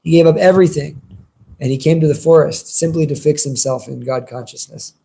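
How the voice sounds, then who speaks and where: A man's voice: a little high, steady tone, a little fast, vocal fry, mellow, husky. A man giving an informal devotional sermon as a religious teacher, conversational and earnest in his delivery.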